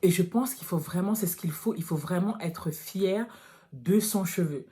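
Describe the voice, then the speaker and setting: A woman's voice: on the low side, normal speed, dark tone. A woman in her thirties from France, talking to her viewers in a casual vlog, frank and direct, calling them girls. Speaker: natural hair vlogger.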